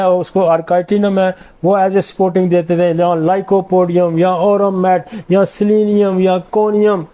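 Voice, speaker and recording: A man's voice: high-pitched, mellow. A middle-aged man, a homeopathic doctor, giving an informal lecture and confidently rattling off long lists of remedies.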